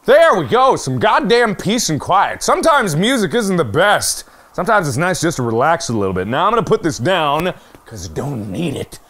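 Excitable man yelping through a VR game. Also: fairly high pitch, normal speed. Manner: excitable, swings from mutters to yelps and shouts; swears and jokes while playing. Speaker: gaming YouTuber. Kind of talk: let's play commentary.

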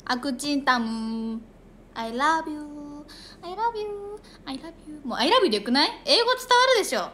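Chatty high-voiced young woman. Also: fairly bright tone, a little hiss or hum. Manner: chatty, reads viewer comments aloud. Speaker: idol livestreamer. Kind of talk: casual livestream chat.

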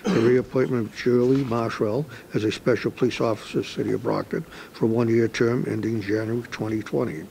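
A man serving as city clerk, reading agenda items aloud in a flat, steady way. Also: medium pitch, brisk, gravelly, hardly any pauses, slight background noise, low-quality recording. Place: council meeting room.

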